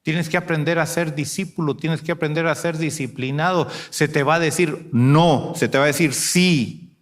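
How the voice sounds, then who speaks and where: Hombre predicador de voz aguda. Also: male voice, on the high side, normal speed. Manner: preaching with rhetorical questions, swings from loud to hushed. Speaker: pastor. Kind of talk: sermon.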